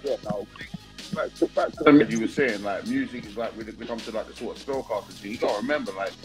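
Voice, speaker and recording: Fast-talking man over music. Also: lowish voice. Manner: repeats himself, urban British slang. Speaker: podcast host. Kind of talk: casual slangy livestream chat.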